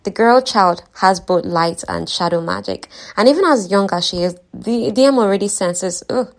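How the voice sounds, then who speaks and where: The book-recap narrator walks through a fantasy novel's plot at ordinary speed, her voice in the middle range. She chats with her audience as she goes, with offhand asides along the way.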